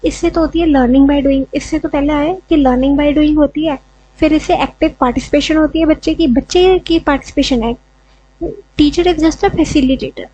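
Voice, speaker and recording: A woman's voice: high voice, moderate pace, warm tone, no echo, poor audio. A woman teaching an education lesson, explaining step by step and often checking in with "okay". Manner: mixes English terms, repeats "ठीक है" often.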